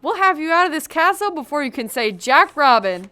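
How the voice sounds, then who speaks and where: A woman's voice: sits high, sing-song, a little fast, sharp tone, exaggerated voice. A teenage girl playing an eager, loyal scarecrow in a stage play, urgent and rallying. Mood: determined. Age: teens. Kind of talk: high school stage play acting.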